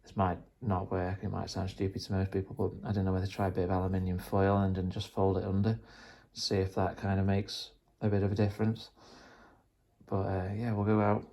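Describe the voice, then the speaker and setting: In this rambling, unscripted vlog, a man experimenting with radio gear explains things casually, sounding tentative and self-deprecating. He speaks briskly in a low, dark monotone.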